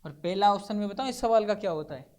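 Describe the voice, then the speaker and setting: A man's voice: high voice, animated, quick pace, a little mellow. A man teaches physics to a classroom. He questions his students step by step as he works through the problem, keeping the lesson moving. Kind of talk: classroom lecture.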